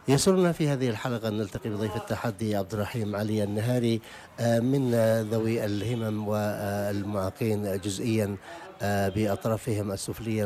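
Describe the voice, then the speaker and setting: A man's voice: on the low side, darkish tone, slight background noise. A Yemeni man hosting a radio interview in an outdoor market, moving from formal welcomes to patient, repeated questions. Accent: Yemeni Arabic. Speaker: radio host.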